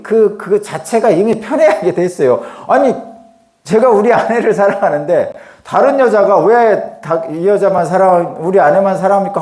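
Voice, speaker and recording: A man's voice: sits high, darkish tone, roomy sound. A middle-aged male pastor preaching a dawn sermon in a conversational way. He acts out dialogue and asks rhetorical questions.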